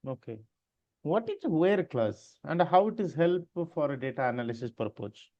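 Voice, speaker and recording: A man's voice: on the high side, animated, normal speed. A man with an Indian accent, asking questions as the interviewer in a mock job interview. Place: online video call. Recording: dull lo-fi online call audio.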